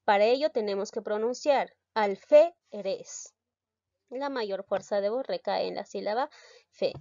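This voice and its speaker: A woman's voice: mid-range voice, moderate pace, a little mellow, no echo, muffled recording. A woman teaching a grammar lesson, explaining step by step and stressing key syllables.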